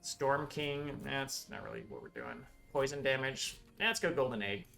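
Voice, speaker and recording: A man's voice: mid-range voice, huge pitch swings, normal speed, gravelly, a bit bright, faint music behind. A man leading a casual gameplay chat on a stream, upbeat and thinking aloud as he plays. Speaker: game studio head playing on a stream.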